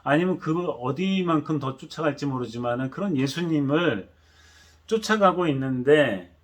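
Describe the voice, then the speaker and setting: A pastor preaching a sermon, telling the story animatedly and acting out the voices. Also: male voice, a little high, expressive, normal speed.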